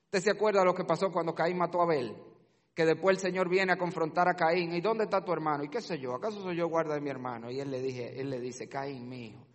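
A man preaching a sermon with dynamic delivery, dropping to a hush and then rising to shouts. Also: a little high, steady tone, fast. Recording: long reverb of a large hall.

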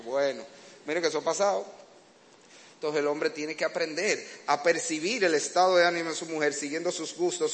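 Un predicador con acento dominicano que da un sermón sobre el matrimonio con humor e imita escenas de la vida en pareja. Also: male voice, high-pitched, a bit bright. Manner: humorous, acts out domestic scenes. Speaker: preacher. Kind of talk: sermon to couples. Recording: reverberant hall, faint background noise.

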